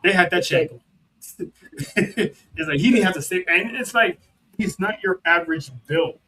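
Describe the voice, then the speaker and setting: A man co-hosting a podcast in casual chat, animated and quick to repeat himself. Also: sits high, low-quality recording. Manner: animated, repeats words, laughs. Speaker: podcast co-host. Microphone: remote call setup.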